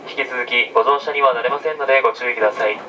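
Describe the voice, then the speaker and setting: A man working as a train conductor, making formal, measured and polite onboard announcements. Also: steady tone, recorded from a distance, muffled recording. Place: inside a moving train carriage. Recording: train PA from afar, loud carriage rumble. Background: train running noise.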